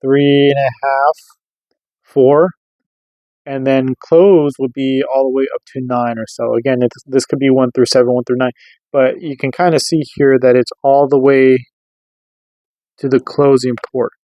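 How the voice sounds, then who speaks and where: Unhurried and with little pitch movement, a mid-range male voice delivers a casual, hands-on review for a radio gear review channel he hosts. He explains loosely and informally, often checking in with the listener rhetorically. The recording sounds dry and muffled.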